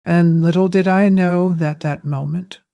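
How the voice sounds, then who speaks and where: An older woman tells a first-person story in an unhurried, hushed way. Her voice is mellow and dark, and the recording is dry and close, with no room sound. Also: on the low side, fairly even intonation, creaky, dry recording, highs cut off.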